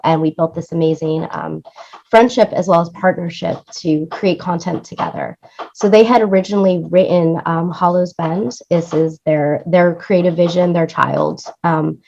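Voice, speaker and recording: In dull, lo-fi audio, a woman who works as a music supervisor and producer answers interview questions as a guest. Her voice is lowish, creaky and dark, and she explains things conversationally, often checking in with "right?" or "you know".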